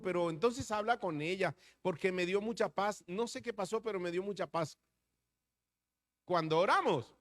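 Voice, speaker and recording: A middle-aged pastor preaches a sermon, his voice sitting high for a man. He throws rhetorical questions at the congregation and slips into telling stories from his own life. He shifts between slow, stressed phrases and quick asides.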